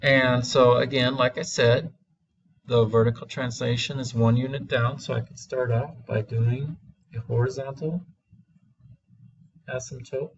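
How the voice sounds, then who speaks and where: Slow deliberate male math teacher. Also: mid-range voice, steady tone, highs cut off. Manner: slow, deliberate, stretching key words. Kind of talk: classroom math lesson.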